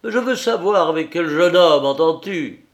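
A man's voice: a little high, expressive, moderate pace, voice pushed up. A man voicing a husband who presses his wife insistently, turning from gleeful to jealous and angry. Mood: furious. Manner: insistent, laughing, then stammering and angry.

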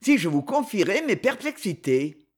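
Male reader as a polite, persistent gentleman in a storybook; formal, lively pitch. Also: normal speed. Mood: earnest. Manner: courteous, formal, insistent.

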